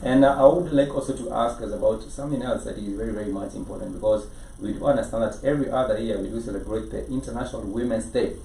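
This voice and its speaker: A man's voice: on the low side, fast talker, gravelly, hardly any pauses, dark tone. A man with a Kenyan accent hosting a conversational entertainment interview, wordy and repeating phrases for emphasis. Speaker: talk show host. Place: studio. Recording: echoey room, distant mic, background noise.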